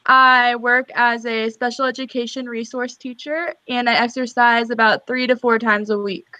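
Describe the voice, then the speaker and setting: A 26-year-old woman introduces herself in short, clear statements. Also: on the high side, flat delivery, moderate pace, pushed and bright, dry recording. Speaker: graduate student presenter. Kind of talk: self-introduction. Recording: muffled recording.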